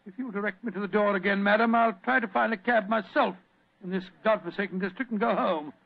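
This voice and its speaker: Fussy, high-voiced, creaky Doctor Watson. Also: male voice, quick pace. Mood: indignant. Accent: British. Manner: blustering, polite, stammering, repeats himself. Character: fussy, courteous, good-natured gentleman doctor and sidekick. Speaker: actor in a radio mystery. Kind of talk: old-time radio drama acting. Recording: dull vintage radio drama recording.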